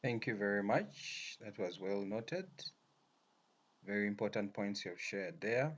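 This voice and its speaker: Lecturer guy on a video call, lowish voice, calm and measured, kinda muffled. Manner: measured, affirming, summarizing students' points. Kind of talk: online class discussion.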